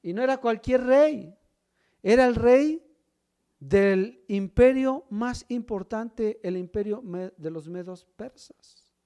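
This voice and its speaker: A man preaching a sermon, swinging from loud emphasis to hushed low lines and asking the congregation questions as brothers. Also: slow. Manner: asks the congregation questions, addresses them as brother. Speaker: pastor.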